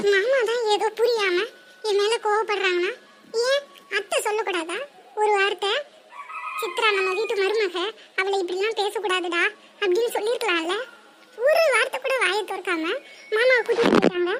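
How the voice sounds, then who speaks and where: A woman's voice: very high voice, fairly even intonation, normal speed, long pauses, noisy background. A woman voicing a jealous, tearful young woman who plots in secret, in a cartoon. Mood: resentful. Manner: whiny, resentful, plotting. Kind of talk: cartoon voice acting.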